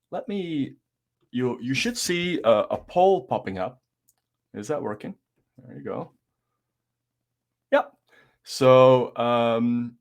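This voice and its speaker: A man from Belgium with a Flemish accent, giving an enthusiastic online conference presentation with plenty of filler words over a video call. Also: medium pitch. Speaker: conference speaker. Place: presenting remotely from home city.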